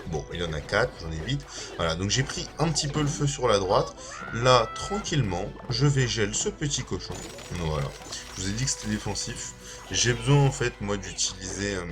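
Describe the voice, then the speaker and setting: A man with a slight slushy lisp on his s, giving casual, informal and somewhat hesitant gameplay commentary as a video creator. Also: medium pitch. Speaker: gaming video creator and streamer. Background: music.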